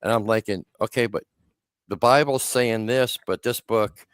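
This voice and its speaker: A man's voice: fairly low pitch, fairly even intonation, moderate pace, clear, resonant tone, no echo, studio quality. A man in his sixties hosting a podcast, chatting casually in a rambling, self-interrupting storytelling way. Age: 60s. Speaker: podcast host.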